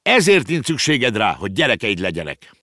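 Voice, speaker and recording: A man's voice: fairly low pitch, sing-song, bright, forceful tone, dry recording, clean studio sound, voice pushed up, exaggerated voice. A man doing an earnest young boy. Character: kind-hearted young boy, earnest nephew.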